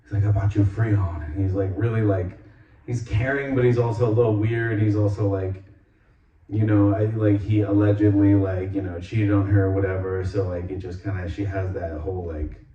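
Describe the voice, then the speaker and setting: A man hosting a podcast, recapping a movie in a rambling casual way, full of filler words and quick acted-out quotes. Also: fairly low pitch, flat delivery, warm tone, a little hiss or hum. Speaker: podcast host reviewing a movie. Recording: roomy, distant, dull lo-fi sound.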